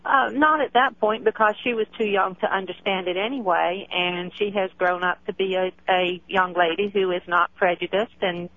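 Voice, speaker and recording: A woman's voice: medium pitch, fairly even intonation, normal speed, few pauses, fairly bright tone, dry recording. An older woman, a grandmother, calling into a radio show and explaining a family story plainly. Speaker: caller. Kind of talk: phone-in storytelling. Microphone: telephone. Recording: dull dry lo-fi phone call on radio.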